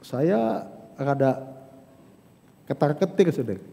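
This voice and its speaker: High-voiced pastor preaching in a hall. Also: male voice, sing-song, slow, creaky. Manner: addresses congregation directly, swings from hushed to fervent. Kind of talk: sermon. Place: church service. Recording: church hall reverb.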